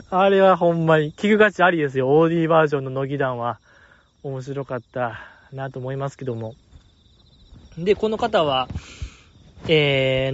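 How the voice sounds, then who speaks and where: Lively Kansai man chatting on a podcast. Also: on the high side, no room sound. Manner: lively, playful commentary with frequent laughs. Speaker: podcast host reading listener mail. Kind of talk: casual chat. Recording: dull lo-fi, dry.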